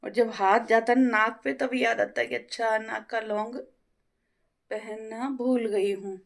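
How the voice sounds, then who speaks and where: A middle-aged woman vlogger chatting at home, talkative and quick with her words. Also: fairly high pitch, steady tone, creaky. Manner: talkative, fast-talking. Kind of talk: casual home vlog chat. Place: home, balcony and kitchen.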